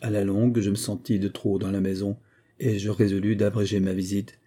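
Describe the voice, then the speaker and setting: A man narrating an audiobook in the first person, reading in a steady, measured way. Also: fairly low pitch, slightly rough.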